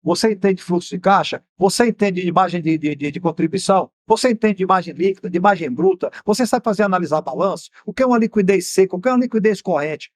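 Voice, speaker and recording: High-voiced Brazilian man teaching on TV. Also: fast, few pauses, no room sound. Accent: Brazilian Portuguese, Bahian. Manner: didactic, asks rhetorical questions. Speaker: TV show host and mentor. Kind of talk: explanatory TV talk on finance. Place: TV studio.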